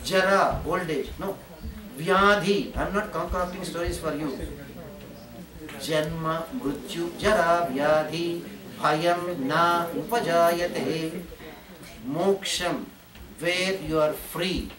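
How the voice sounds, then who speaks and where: Crowd noise surrounds a slow-paced Indian man with a fairly high voice as he preaches in an ashram hall. In the role of spiritual teacher, he chants Sanskrit verses and repeats phrases in an animated way. The distant mic catches the roomy hall and the gathered audience.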